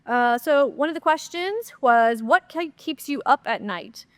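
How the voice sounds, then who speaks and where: With a cold making her a bit nasal and stuffy, this podcast host answers questions on her own in a casual, upbeat chat full of fillers. Her voice sits high and is expressive, and she speaks a little slowly. There's no echo.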